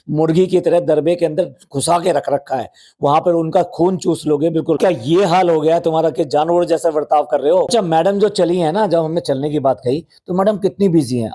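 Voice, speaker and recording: A man's voice: fairly high pitch, dark tone. A man hosting a commentary podcast, scolding and mocking the people in the videos and repeating phrases for effect. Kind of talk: sarcastic commentary on vlogs.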